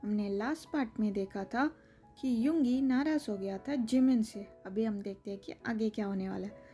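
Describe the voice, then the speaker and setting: A woman introducing a fan-dubbed story episode in a soft-spoken manner. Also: medium pitch, moderate pace, faint music behind. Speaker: narrator.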